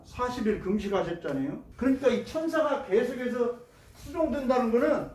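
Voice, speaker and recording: With a very high-pitched, animated voice and a darkish tone, a male pastor preaches at a moderate pace in a church sanctuary. He quizzes the congregation and acts out prayers and complaints, picked up by a distant mic with a roomy church sound.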